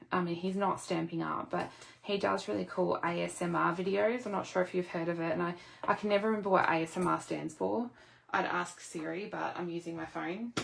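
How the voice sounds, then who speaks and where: A woman's voice: on the low side, creaky, a bit bright, poor audio. A woman demonstrating papercraft in a casual tutorial, chatty and rambling, often breaking off mid-thought. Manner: rambling, chatty, self-interrupting. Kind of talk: casual craft tutorial chat.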